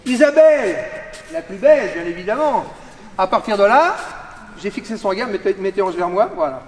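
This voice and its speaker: A man teaching an aikido class in a gymnasium, calling out drill commands, often shouting. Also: high-pitched, animated, normal speed. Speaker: aikido instructor. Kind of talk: teaching a group class on the mat. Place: large gymnasium. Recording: echoey gym from far off, with noise.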